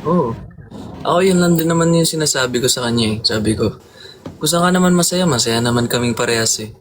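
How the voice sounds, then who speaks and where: A man's voice: mid-range voice, lively intonation, brisk, slight background noise. A man with a Filipino accent co-hosting a live stream, chatting casually and asking his partner questions. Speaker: livestream co-host.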